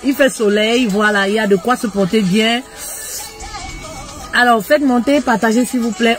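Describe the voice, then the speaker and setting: A woman relationship coach chatting playfully on a casual live stream, often singing along to the music. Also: on the high side.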